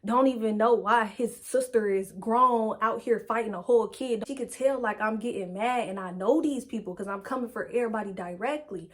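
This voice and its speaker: A young woman casually telling a personal story, slangy and animated, acting out what people said. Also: fairly high pitch, fairly quick, few pauses. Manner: animated, slangy, acts out quotes.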